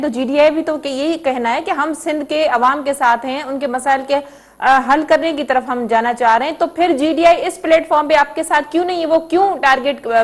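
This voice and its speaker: Woman news show host, fairly high voice, pushy questions, trips over words. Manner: pressing questions with stumbling restarts. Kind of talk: news talk-show hosting.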